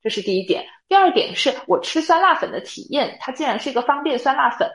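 Woman, podcast co-host, lively pitch, methodical explainer, roomy echo. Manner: measured, explains point by point. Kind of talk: casual analytical chat.

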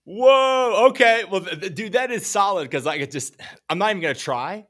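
A man's voice: high-pitched, animated, normal speed, a bit bright. A man hosting a live podcast interview, talking in a hyped, slangy, upbeat way. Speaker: podcast host.

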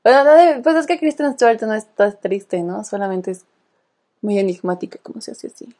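A woman's voice: mid-range voice, animated, normal speed, dark tone. A young woman with a Mexican Spanish accent, chatting casually in a playful, teasing way. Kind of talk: casual chat.

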